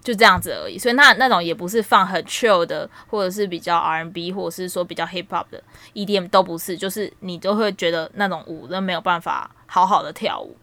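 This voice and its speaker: Animated woman telling stories. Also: fairly low pitch, fast, no echo. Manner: animated storytelling, laughs a lot. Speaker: podcast co-host. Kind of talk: casual chat.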